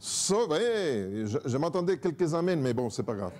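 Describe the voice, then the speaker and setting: A native Spanish-speaking man, a guest preacher at church, gives his talk in a joking, self-mocking way. His voice sits a little high and moves at a moderate pace, and he stays lively, moving around a lot.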